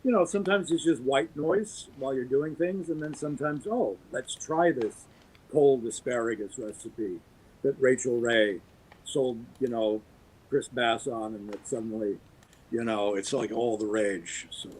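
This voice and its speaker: Unhurried and a little mellow, with a breathy edge, a middle-aged podcast guest delivers a long, opinionated monologue in an emphatic, swooping style. The recording is rough.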